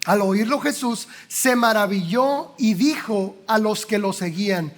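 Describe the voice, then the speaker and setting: High-voiced Mexican pastor preaching. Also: male voice, measured pace. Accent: Mexican Spanish. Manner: lively preaching, acts out quotes with playful voices and rhetorical questions. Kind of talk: sermon.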